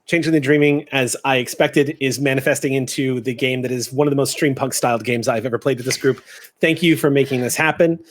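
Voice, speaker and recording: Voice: mid-range voice, fairly even intonation, fast talker. A game master chatting casually while wrapping up a tabletop game session.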